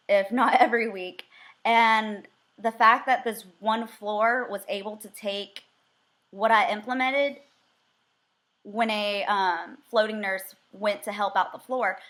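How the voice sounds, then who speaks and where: A young American woman who grew up speaking Vietnamese first answers questions as a job candidate in a mock interview. Her mid-range voice has a fairly bright tone, and she sounds earnest and eager, using lots of filler words.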